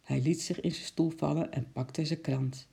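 A storyteller reading a children's story aloud in a calm narrating voice. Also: medium pitch, normal speed, gravelly, slightly rough.

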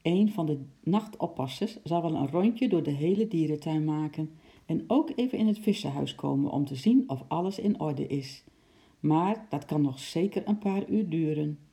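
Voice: mid-range voice, animated, moderate pace, warm tone, natural voice. A storybook reader voicing a worried father who is locked in and grumbles about his lost keys. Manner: grumbling, anxious.

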